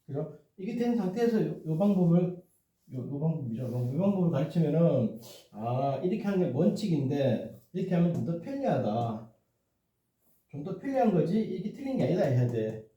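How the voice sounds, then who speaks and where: A man with a fairly high, mellow voice teaches math casually at a moderate pace, his pitch swinging widely as he rambles, checks in with listeners, pokes fun at himself and keeps saying "이렇게" and "그죠?". It was recorded with a distant mic and sounds echoey and dull.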